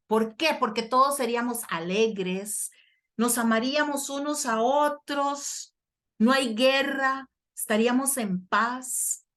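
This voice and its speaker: Slow, earnest woman preaching. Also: a little high, a bit bright. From Costa Rica. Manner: slow, earnest preaching, reads scripture aloud. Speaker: prayer workshop teacher. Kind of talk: sermon.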